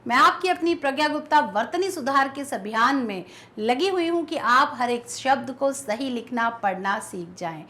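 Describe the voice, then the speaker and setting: Woman teacher, high voice, animated delivery, spells words out slowly for students. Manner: patient, drawn-out pronunciation of example words. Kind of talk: online grammar lesson.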